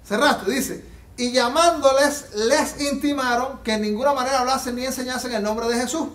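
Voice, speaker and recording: High-pitched guy preaching hard, fervent, echoey church sound. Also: moderate pace, a bit bright, far from the mic. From Latin America. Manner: fervent, rising to emphatic peaks and dropping low. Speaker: pastor. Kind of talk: sermon. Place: church sanctuary. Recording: echoey church hall, off-mic.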